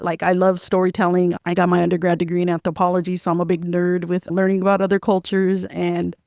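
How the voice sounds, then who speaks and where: A woman's voice: lowish voice, darkish tone, no echo, clean studio sound. A woman hosting a podcast, chatting in an upbeat, enthusiastic way with her guest. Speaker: podcast host. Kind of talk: casual interview chat.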